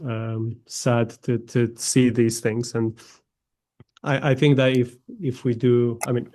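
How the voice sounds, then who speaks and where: A man's voice: medium pitch, level tone, takes it slowly, dark tone. A man sharing his views in an online study group, hesitant with many restarts.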